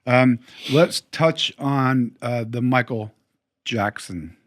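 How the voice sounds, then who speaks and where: A man hosting a casual interview, enthusiastic and quick to affirm his guest. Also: medium pitch, no room sound, clean studio sound. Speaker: podcast host.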